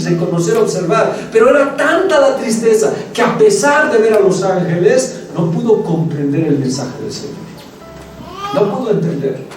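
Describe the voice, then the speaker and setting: A man's voice: sits high, a little mellow. A male preacher giving an emphatic sermon in a church, calling the congregation his brothers. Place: church hall. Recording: echoey hall, mic from a distance, faint music.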